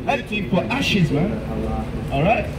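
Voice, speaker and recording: A man's voice: high voice, very animated, unhurried. A man with a London accent preaching emphatically on a busy city street, ending lines with "man" and "all right?". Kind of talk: open-air street preaching. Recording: echoey street sound from far off, crowd noise.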